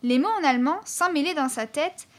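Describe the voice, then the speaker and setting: High-voiced woman narrating a story. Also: brisk, fairly bright tone. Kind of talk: audiobook narration.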